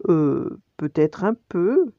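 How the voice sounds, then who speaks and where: A woman voicing a lively young female lion cub with a high, bright calling voice. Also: normal speed, no room sound. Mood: soothing. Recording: dull lo-fi dry recording.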